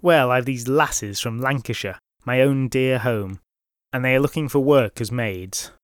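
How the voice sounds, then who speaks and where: A battered, eager-to-please carrier from an old legend, polite and deferential, as a male narrator plays him. The voice sits at a middling pitch, dry and close. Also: unhurried, clear, resonant tone, dry recording, close to an everyday voice.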